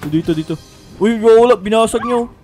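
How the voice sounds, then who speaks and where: A man's voice: sits high, moderate pace, a little mellow. A man from the Philippines streaming a game, refereeing a match with playful commentary, laughing often and repeating his calls. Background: faint game music.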